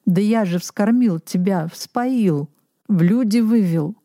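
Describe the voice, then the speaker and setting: A woman's voice: fairly low pitch, expressive, warm tone, dry recording, clean studio sound. A woman voicing a wailing, pleading old peasant man who draws out his begging. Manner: whining and imploring, drawn-out.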